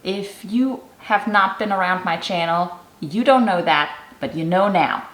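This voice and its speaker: A woman's voice: on the low side, measured pace, fairly bright tone, reverberant, soft background music, rough recording. A middle-aged woman from Germany hosting a cooking channel, explaining a recipe step by step in a casual, chatty way. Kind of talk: casual how-to vlog narration.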